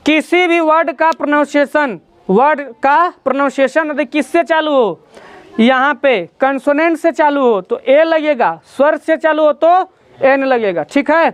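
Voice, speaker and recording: A man's voice: very high-pitched, measured pace, no room sound. A man teaching a grammar lesson in a classroom, explaining step by step and quizzing his students as he goes. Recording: dull lo-fi sound.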